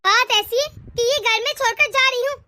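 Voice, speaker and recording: Woman voicing a sly bossy cartoon sister-in-law, really high bright voice, taunting. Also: brisk. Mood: indignant. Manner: taunting, sly, self-pitying. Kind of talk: cartoon voice acting.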